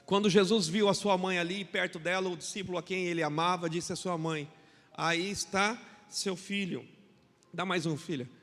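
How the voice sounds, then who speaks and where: Brazilian male pastor, high-pitched preacher, animated storytelling sermon, long church reverb. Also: moderate pace, soft background music. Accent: Brazilian Portuguese. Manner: storytelling with quoted dialogue, swings between loud and quiet. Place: church hall.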